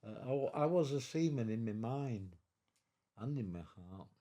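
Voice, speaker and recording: A man in his nineties from England, telling his life story in an interview at his home, halting and repeating words, emotional at times. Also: medium pitch, lively intonation, warm tone. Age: 90s. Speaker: war veteran interviewee. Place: living room of his own home.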